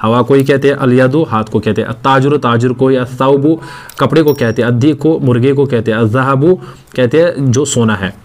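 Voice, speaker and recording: A man teaching an Arabic lesson, explaining step by step and repeating words and letters slowly for his students. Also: medium pitch, a little mellow. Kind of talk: classroom lecture.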